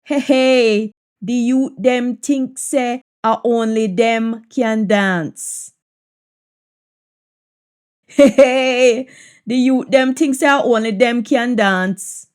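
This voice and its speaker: A woman with a Jamaican accent giving a language lesson, deliberately saying and repeating practice sentences in Jamaican Patois. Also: on the high side, a little mellow, clean tone. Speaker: language teacher.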